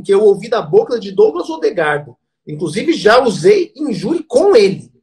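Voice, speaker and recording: A man with a noticeably high voice shares legal experience on a podcast. He speaks earnestly and reflectively, pausing to find his words. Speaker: criminal defense lawyer, podcast co-host. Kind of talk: casual podcast discussion.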